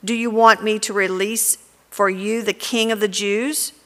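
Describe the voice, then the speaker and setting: A woman's voice: medium pitch, fairly even intonation, unhurried, in a large hall, natural voice. A woman reading the lines of a stern male Roman governor questioning a prisoner during a church Passion reading.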